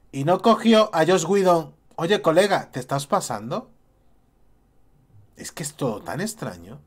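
A man, ranting as a YouTube commentator, indignant and repeating his points. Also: on the high side. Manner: indignant, repeats points and mocks others in quotes. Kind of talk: opinion rant to camera.

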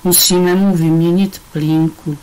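A woman reader gives voice to a sensible, slightly fussy young girl in a children's story. Her tone sits a little lower and sounds worried. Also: fairly even intonation, a little mellow, clean tone, lightly acted, low-quality recording.

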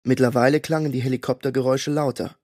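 A man reading a fantasy audiobook in a steady, measured storytelling way. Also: medium pitch, dry recording, studio quality. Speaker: audiobook narrator. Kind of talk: scripted narration.

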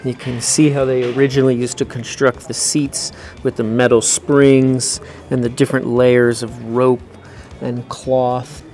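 Gravelly man vlogging from his car. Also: mid-range voice, level tone, a little slow, a little mellow, soft background music. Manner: joking, teasing repetitions. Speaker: travel vlogger. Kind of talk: casual vlog narration. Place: inside a car and outdoors in a city. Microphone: camera mic at arm's length.

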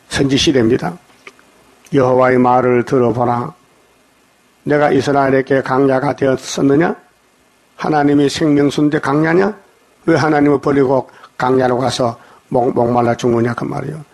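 A man preaching a dawn sermon, reading verses and scolding his listeners, often checking in with a quick "eh?". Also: medium pitch. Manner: scolding, jokes at the congregation. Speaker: pastor. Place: church.

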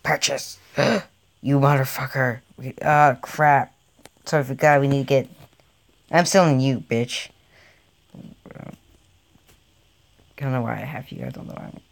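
A young man giving rambling, easily excited, jokey commentary over his own tank game session, recorded on a home mic. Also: mid-range voice, unhurried, gravelly, long pauses. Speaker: gaming channel host.

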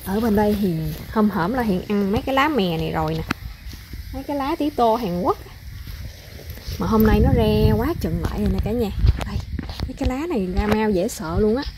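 A woman's voice: medium pitch, animated, fairly quick, background noise. A woman, chatting casually to viewers while picking in her garden. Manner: chatty, addresses viewers often. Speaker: vlogger, mother. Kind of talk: casual garden vlog chat. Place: outdoor home garden.

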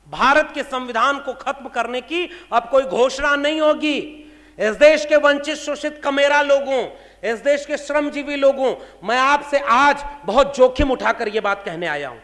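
An Indian man in his thirties, speaking at a public meeting, gives a fiery, rhetorical political speech to an audience in a large hall. His voice is extremely high and fairly bright, and he fires off pointed questions while the hall's reverberation fills the recording.

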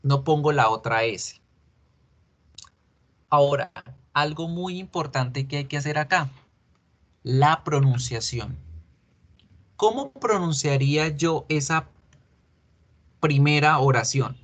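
A patient male English teacher, a native Spanish speaker, explains material in an online class. His voice is a little high and his pace is slow, and he repeats points and asks students questions.

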